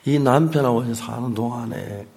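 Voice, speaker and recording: A male pastor with a preaching a sermon, telling a testimony story in an animated way and acting out voices. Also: medium pitch, moderate pace, vocal fry.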